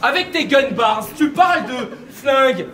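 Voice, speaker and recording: A man's voice: very high-pitched, animated, a little slow, sharp tone. A man performing a cappella battle rap at a live event, delivering brash, mocking punchlines. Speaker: battle rapper. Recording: echoey venue, distant mic, crowd noise. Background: crowd reactions and laughter.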